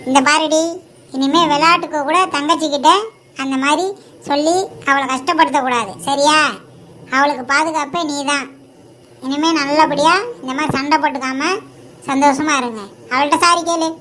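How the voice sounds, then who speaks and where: A woman's voice: sits high, fairly even intonation, moderate pace, pushed and bright, slight background noise. A woman voicing a firm but loving cartoon mother with a Tirunelveli Tamil accent, scolding and coaxing her daughters. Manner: firm, scolding, then affectionate. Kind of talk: homemade cartoon dubbing.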